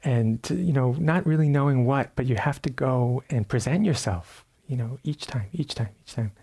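A man giving a dharma talk at a meditation retreat, telling a story in a relaxed way with many fillers and restarts, sometimes acting out sounds and quotes. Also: mid-range voice, normal speed, slightly rough. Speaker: meditation teacher. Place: retreat center meditation hall.

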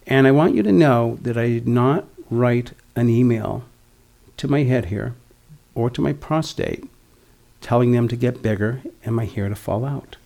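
A man's voice: medium pitch, moderate pace, vocal fry, dark tone. A man in his sixties giving a dharma talk as a meditation teacher, reflective, with wry, humorous asides. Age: 60s.

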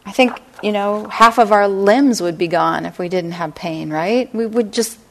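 A middle-aged woman teaching a meditation class, speaking gently and unhurriedly and often checking in with her listeners. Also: mid-range voice, creaky. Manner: gentle, unhurried, lots of "right?" and "you know". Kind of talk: dharma talk to a class. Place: meditation hall.

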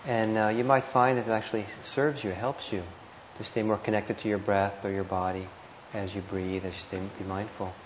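In an echoey indoor meditation hall, a man with a fairly low voice guides a meditation as a teacher, speaking gently and a little hesitantly in a level tone. He leaves pauses between short phrases. The live recording is somewhat muffled and roomy, with clear background noise.

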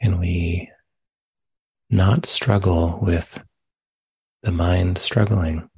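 A meditation teacher with a low, gravelly voice leads a live guided meditation at a slow, steady pace. He speaks gently in short phrases with long pauses, and the recording is dry.

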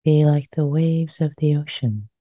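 A woman leading a guided meditation speaks low, soft and breathy, taking her time with long pauses in between. The lo-fi audio is dull and has no room sound.

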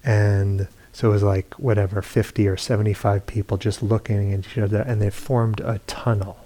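A man giving a dharma talk at a retreat center, telling a story in an unhurried way with soft laughs and hushed asides. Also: fairly low pitch, level tone. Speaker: meditation teacher. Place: retreat center meditation hall.

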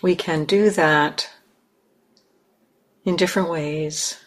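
In a guided meditation, a female teacher's voice sits low with a steady tone, delivered in short, measured phrases punctuated by pauses.

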